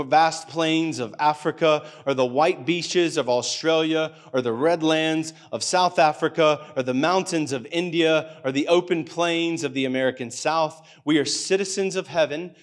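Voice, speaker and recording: Earnest man preaching a sermon. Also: fairly high pitch. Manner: earnest, acts out listeners' doubts in a livelier voice. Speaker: pastor. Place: school hall church gathering. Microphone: handheld or stand microphone.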